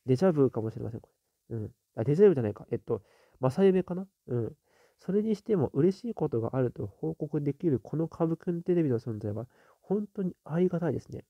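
A man hosting a casual live stream, reading viewer comments aloud and musing on them with soft little fillers. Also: fairly high pitch, animated, fast, no room sound, highs cut off.

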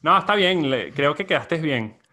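A man's voice: on the high side, animated, moderate pace, sharp tone. A young Venezuelan man hosting a casual podcast chat, reflective and explaining at length with plenty of fillers. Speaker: podcast host.

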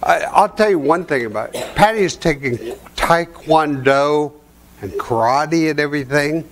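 A man's voice: a little high, moderate pace. An older man giving a seminar talk in a hotel conference room, with a folksy storytelling manner, chuckling at his own stories. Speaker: seminar presenter.

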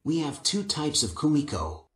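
An older man giving calm, patient, step-by-step woodworking instructions in a workshop, on a lapel mic. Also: on the high side, moderate pace, echoey room. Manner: calm, patient, methodical explanation.

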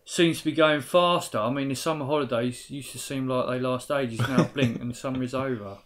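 A British man in his late thirties, hosting a relaxed retro gaming stream, chatty and quick to laugh. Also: medium pitch. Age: late 30s. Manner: chatty, laughs easily, rambling musings. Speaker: stream host. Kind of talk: casual chat while gaming.

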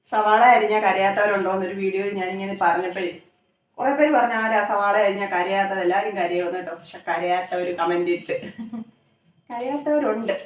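A woman's voice: medium pitch, brisk. A woman cooking at home and chatting to her vlog viewers. She rambles conversationally and keeps tagging her sentences with little check-ins. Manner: rambling, conversational, often adds tag questions. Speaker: cooking vlogger. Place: home kitchen. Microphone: phone camera some distance away. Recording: echoey room, voice from far off.

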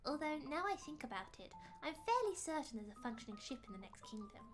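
A woman voicing a polite, timid male hat spirit from a video game, in a soft, prim put-on posh British accent. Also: high-pitched, sing-song, quick pace, music in the background. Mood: earnest.

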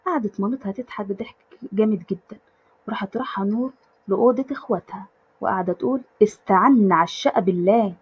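A woman with an Egyptian accent narrating an animated story and addressing viewers. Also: medium pitch, quick pace, slightly rough, muffled recording. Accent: Egyptian Arabic.

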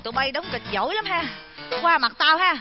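A sharp-tongued middle-aged mother who shouts insults in a very high voice. The stage recording is dull and lo-fi, with music underneath. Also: lively intonation, fairly quick. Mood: scolding.

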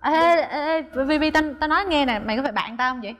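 A woman's voice: sits high, quick pace, a bit bright. An actress playing a plain, timid married woman who complains and defends herself. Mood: defensive. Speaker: actress in a TV drama.

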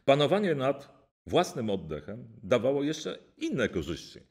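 A man, a music professor, reading a formal academic lecture in a measured way with occasional hesitations. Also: mid-range voice, darkish tone. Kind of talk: read-aloud academic lecture.

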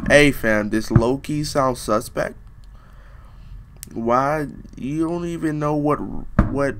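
Over a little hiss or hum, a young man with a mid-range voice reads a storybook fairy tale near a webcam in a small room. He keeps breaking off to joke in slang and riff for comedic effect.

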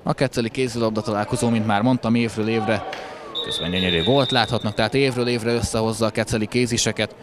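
Over crowd noise in a sports hall, a male sports commentator delivers chatty live handball commentary sprinkled with wry asides. His voice sits on the low side and keeps a steady tone.

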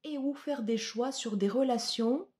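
A woman giving a tarot reading to her viewers, slow and hesitant with many fillers. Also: a little high, a little mellow. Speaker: tarot reader.

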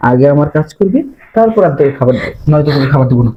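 A man playing a fast-talking, coaxing schemer. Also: a little high, expressive, highs cut off, lightly acted. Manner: coaxing, insistent and hushed. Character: scheming young man luring a madwoman.

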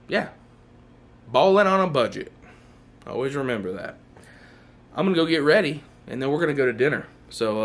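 Young man, casual vlog chatter, upbeat, filler-heavy, mid-pitched. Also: a bit bright. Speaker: vlogger. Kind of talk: casual vlog talk to camera.

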